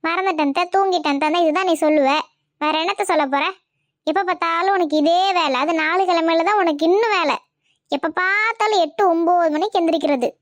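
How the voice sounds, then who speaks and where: A woman's voice: extremely high pitch, fairly quick, no room sound. A woman playing a bossy mother-in-law who berates her daughter-in-law in a comedy family skit. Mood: scolding. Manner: nagging, berating, scornful. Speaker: skit actor.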